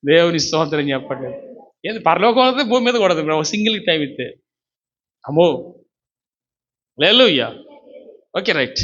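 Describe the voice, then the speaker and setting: At a church service, a male pastor with a fairly high, slightly bright voice and lively intonation preaches fervently, urging the congregation to repeat his words. He speaks at a moderate pace with frequent pauses, and the recording is dull and lo-fi.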